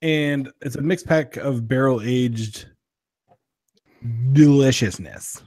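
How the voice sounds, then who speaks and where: Reviewing drinks on a podcast, a young male co-host chats casually and jokingly, often putting himself down. His mid-range voice is a little slow with a darkish tone, and there is no room sound.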